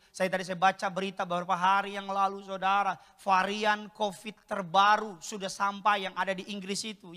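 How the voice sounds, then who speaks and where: A pastor preaching a live church service, moving between loud exhortation and quiet joking asides. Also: male voice, high voice. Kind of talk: sermon. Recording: long church-hall reverb.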